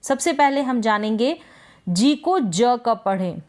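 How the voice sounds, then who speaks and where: Woman teacher with a Hindi accent, higher voice. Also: expressive, slow, a little mellow. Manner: asks a question, then answers it herself. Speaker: English teacher. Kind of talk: explanatory lesson with rhetorical questions.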